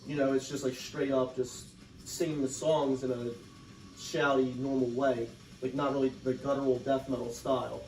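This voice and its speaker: A man's voice: medium pitch, little pitch movement, moderate pace, a little mellow. A man interviewing in a casual, rambling way, full of "like" and "um". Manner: rambling, heavy use of "like" and "um". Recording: roomy sound from a distant mic.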